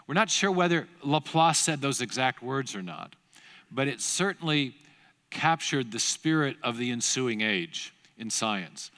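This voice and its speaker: Man lecturing in a reverberant church hall. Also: mid-range voice. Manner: animated storyteller with restarts and asides. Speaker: guest speaker at a church seminar. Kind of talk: lecture-style talk to a congregation. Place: large church auditorium.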